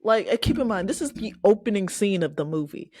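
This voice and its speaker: A woman co-hosting a casual movie review podcast, chatty and quick to laugh. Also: mid-range voice, lively intonation, background noise. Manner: chatty, laughing, acts out quoted lines. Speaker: podcast co-host.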